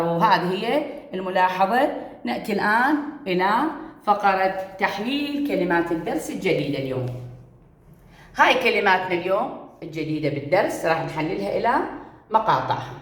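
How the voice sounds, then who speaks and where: A woman's voice: mid-range voice, roomy sound. A woman teacher with an Iraqi Arabic accent giving a reading lesson to first graders, drawing out words and repeating each one. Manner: reads words slowly syllable by syllable, repeating each. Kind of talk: recorded reading lesson for young pupils.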